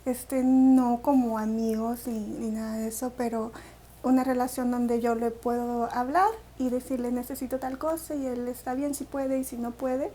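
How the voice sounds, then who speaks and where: A woman's voice: a little high, little pitch movement, moderate pace, warm tone, slight background noise. A woman from El Salvador with a Salvadoran Spanish accent, an interview guest telling her personal story in a reflective way, with many fillers and restarts.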